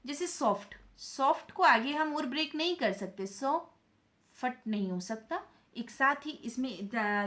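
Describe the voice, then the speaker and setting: Woman, slightly high voice, grammar teacher, step-by-step explaining, asks and answers own questions. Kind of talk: online grammar lesson.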